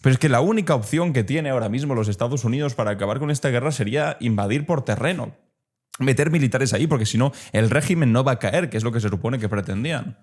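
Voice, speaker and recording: A man's voice: mid-range voice, animated, fast talker, a little mellow. A man from gives exasperated, sarcastic commentary on video clips, with many fillers. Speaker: political commentator.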